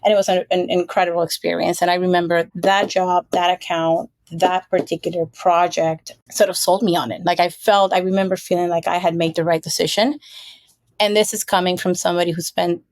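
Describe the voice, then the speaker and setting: A woman from Puerto Rico, a marketing executive guest, telling stories in a chatty, relaxed interview. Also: fairly low pitch, fairly quick, no room sound. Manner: chatty, storytelling, frequent fillers. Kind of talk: casual interview.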